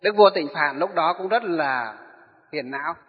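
A Buddhist preacher with a fairly high pitch and lively intonation tells a Buddhist story as a sermon at normal speed. He keeps posing rhetorical questions and answering them himself, recorded in an echoey hall with dull lo-fi sound.

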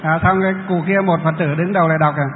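A man's voice: fairly high pitch, fairly even intonation, very fast, a little hiss or hum. A man, a Buddhist monk giving a chatty, explanatory dharma talk to a hall audience and quizzing them as he goes. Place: large lecture hall. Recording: thin phone-like sound, long hall echo.

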